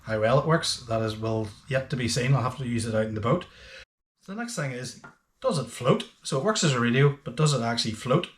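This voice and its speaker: The host of a boating gadget channel walks through a hands-on product review, thinking aloud in a casual, slightly hesitant way. His voice is mid-range and fairly quick.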